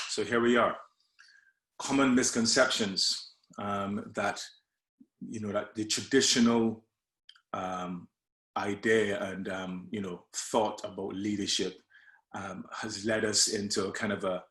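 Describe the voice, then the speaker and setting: Man, low voice, friendly coach presentation, hesitant with fillers, echoey room. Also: fairly bright tone. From Barbados. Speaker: life coach presenting a leadership talk. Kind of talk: presentation with slides.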